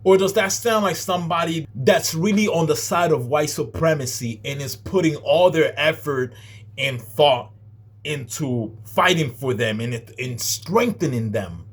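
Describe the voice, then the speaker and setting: A man's voice: fairly high pitch, unhurried, husky. A man hosting a reaction video, giving profane commentary in an exasperated, incredulous tone and firing off rhetorical questions.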